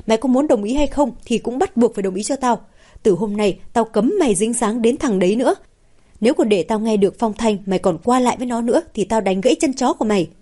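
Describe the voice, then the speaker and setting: Woman doing a shrill bullying older mother. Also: fast talker, mellow, natural voice. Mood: scolding. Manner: wailing, scolding.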